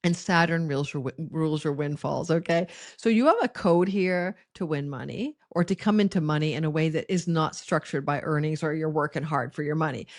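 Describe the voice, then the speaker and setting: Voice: mid-range voice, fairly quick, few pauses, dry recording, clean studio sound. An astrologer giving a forecast monologue in a rambling, conversational way, with frequent restarts and asides.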